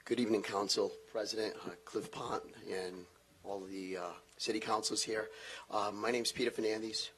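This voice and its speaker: A man's voice: fairly low pitch, steady tone, moderate pace, a bit bright, slight background noise. A man born in Portugal giving an earnest public comment at a city council meeting, with frequent restarts.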